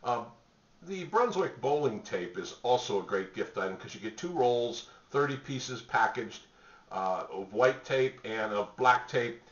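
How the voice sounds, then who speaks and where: A middle-aged man pitching gift products to the camera from a small home office, relaxed and rambling with many fillers. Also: a little slow. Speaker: store spokesman presenting products. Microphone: webcam at desk distance. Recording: roomy, distant, dull webcam audio.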